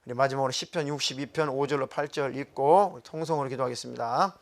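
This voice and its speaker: A man preaching a sermon as senior pastor, fervent, moving between loud calls and hushed asides. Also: medium pitch, fast talker, gravelly.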